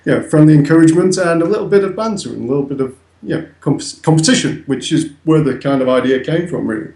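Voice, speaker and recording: A young man from the north of England, speaking with a Northern English accent, is a guest and co-founder explaining his website in a casual interview. His voice is fairly high and a little mellow, he talks fast, and the room sounds echoey. He's hesitant throughout, with many ums and restarts.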